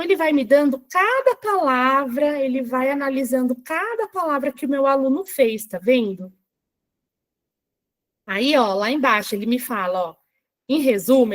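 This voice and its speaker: A woman running a live online workshop for teachers, chatty and checking in with her viewers, reading screen text aloud slowly, with a Brazilian Portuguese accent. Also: high voice. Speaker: teacher trainer.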